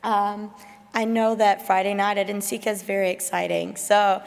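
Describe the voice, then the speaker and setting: A hoarse woman, giving an emotional, grateful conference presentation in a large convention hall on a lectern mic. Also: mid-range voice, little pitch movement, normal speed. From Alabama, USA. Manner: emotional, grateful, laughs nervously. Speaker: emerging artist presenter. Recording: long hall reverb.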